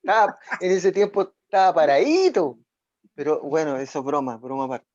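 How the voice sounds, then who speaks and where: A man with a Chilean accent chats with friends, animated and joking, with slang tossed in. His pitch is slightly high and swings lively up and down. The sound is muffled and lo-fi. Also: normal speed. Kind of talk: casual chat. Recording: dull lo-fi recording.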